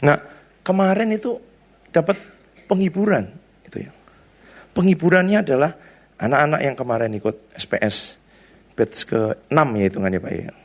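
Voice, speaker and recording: Man, pastor, gravelly voice, slightly high pitch, chatty sermon storytelling. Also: moderate pace, pauses often. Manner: chatty, storytelling, tag questions. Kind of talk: conversational sermon.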